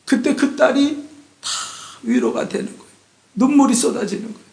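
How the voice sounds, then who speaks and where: A man pastor delivering a Sunday sermon, emphatic and prodding his congregation with rhetorical questions, swinging between loud exhortation and hushed asides. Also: very high-pitched, moderate pace, gravelly. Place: church sanctuary. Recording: echoey church room.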